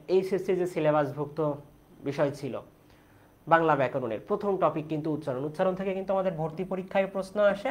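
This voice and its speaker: Teaching an exam-prep course online in Bengali, this young man from Bangladesh asks questions and goes over the main answers again. His pitch is a little high.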